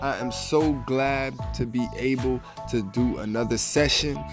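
Man, faith podcast host, stuffy and a bit raspy, upbeat casual delivery, mid-pitched voice, faint music behind. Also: unhurried. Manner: upbeat, often says "man" and "y'all".

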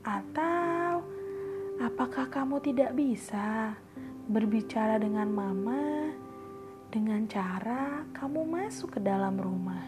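Woman doing a gentle patient mother. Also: a little high, takes it slowly, pauses often, music in the background. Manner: soft, calm, kindly.

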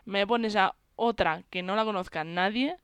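A woman's voice: medium pitch, normal speed, fairly bright tone, smooth, no echo. A woman with a Spanish accent from Spain, chatting casually and enthusiastically while reviewing a film. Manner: enthusiastic, chatty, laughs often. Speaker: film podcast co-host.

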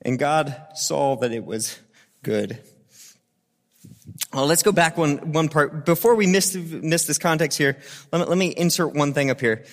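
A man's voice: a little high, measured pace. A man preaching a sermon, teaching scripture with dramatic emphasis, repeated phrases and informal asides. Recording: long reverb of a large hall.

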